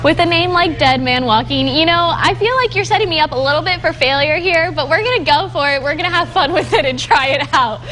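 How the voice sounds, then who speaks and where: A woman's voice: high voice, fairly quick, few pauses, sharp tone, slight background noise. A woman hosting an upbeat TV interview in a studio, chatty and playful. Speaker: TV host.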